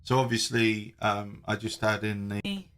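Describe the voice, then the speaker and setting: A man chatting casually on a live stream, relaxed and hesitant with lots of ums. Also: lowish voice, a little slow.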